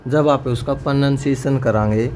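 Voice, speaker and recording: A man teaches grammar to a classroom at a mid pitch, firing the same questions again and again to drill his students. A faint hum of room noise sits behind his voice. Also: steady tone, moderate pace, darkish tone.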